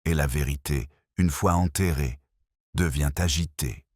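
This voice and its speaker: Man voicing a gentle elderly spinster detective, storybook, measured, dry close sound. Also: rumbling low, no room sound. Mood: quietly firm. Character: shrewd elderly spinster sleuth, calm.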